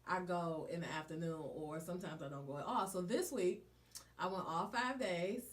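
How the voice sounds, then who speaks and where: A woman's voice: on the low side, normal speed. Chatty woman podcast co-host. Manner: chatty, animated storytelling with slang. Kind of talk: casual chat.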